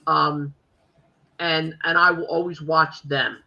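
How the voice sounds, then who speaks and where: A podcast host with a Philadelphia accent rambles through a casual chat full of fillers. Her low voice is slow and sharp-toned, with vocal fry and little pitch movement, on a lo-fi recording.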